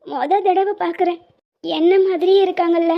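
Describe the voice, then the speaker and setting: A woman's voice: very high-pitched, fairly even intonation, moderate pace, creaky, a little hiss or hum. A woman voicing a tearful young wife in a cartoon, speaking emotionally and pleading. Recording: slightly dull lo-fi audio.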